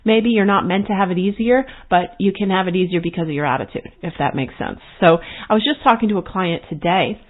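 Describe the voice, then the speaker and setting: On her solo podcast, a host and coach reflects earnestly on life paths, occasionally voicing her clients' inner thoughts. She speaks in a mid-range voice, and the audio sounds narrow, almost like a phone line.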